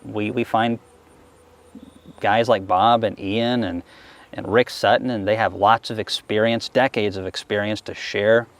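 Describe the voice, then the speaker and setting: A man with a fairly low voice answers interview questions in a casual, chatty way. He stays easygoing and enthusiastic as he talks through his work at an outdoor beehive. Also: fairly even intonation, a little slow. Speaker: beekeeper being interviewed. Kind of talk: casual interview answers while working a hive.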